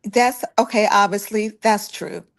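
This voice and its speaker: Woman, co-host, casual chat, relaxed, everyday examples. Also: mid-range voice, a little slow, gravelly.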